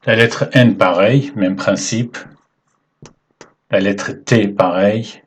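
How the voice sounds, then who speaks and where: A man teaching the alphabet in French, patient and halting, often checking in with "ok?" as he writes. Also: lowish voice, steady tone, slightly rough. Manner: slow, halting delivery with fillers. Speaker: Arabic teacher. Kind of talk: whiteboard lesson explaining letters.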